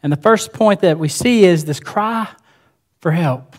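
High-voiced earnest preaching man. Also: unhurried, a little mellow. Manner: earnest, emphatic, repeats key phrases. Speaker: pastor. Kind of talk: sermon. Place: church.

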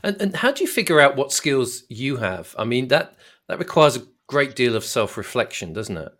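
A man's voice: mid-range voice, sing-song, moderate pace, fairly bright tone. A man hosting a podcast, asking long, engaged questions with small restarts. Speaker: podcast host.

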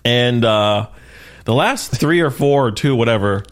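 A man's voice: medium pitch, lively intonation, measured pace. A young man co-hosting a casual golf podcast, joking and swearing with a friend and laughing often. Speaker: podcast co-host. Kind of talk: casual chat.

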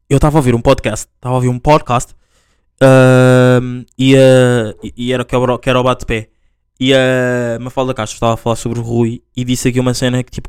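A man's voice: mid-range voice, smooth, no echo, studio quality. A young man with a European Portuguese accent hosting a casual solo podcast, rambling along with lots of filler words and restarts. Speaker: podcast host.

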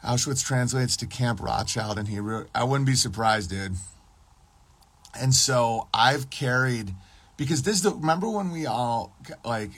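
Gravelly man rambling on a livestream. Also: medium pitch, a little slow, a bit bright. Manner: rambling, profane, loses his train of thought. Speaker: podcast streamer. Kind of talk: casual livestream monologue.

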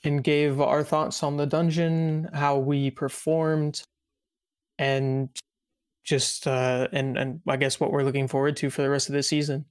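An excitable young man co-hosts a casual gaming podcast, swearing freely as he talks. His voice sits fairly high and comes across smooth and crisp. The sound is dry and close, with no room around it. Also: measured pace, no room sound. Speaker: podcast co-host.

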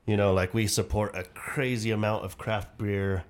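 A man's voice: fairly low pitch, little pitch movement, moderate pace. A man hosting a podcast, laid-back and rambling, laughing often in casual chat. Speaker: podcast host.

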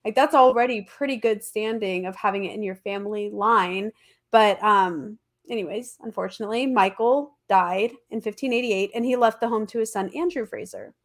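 Speaking at a moderate pace in a mid-range voice, a woman hosts a podcast, recounting history conversationally with informal slang and plenty of emphasis. Allergies have left her nose congested and stuffy.

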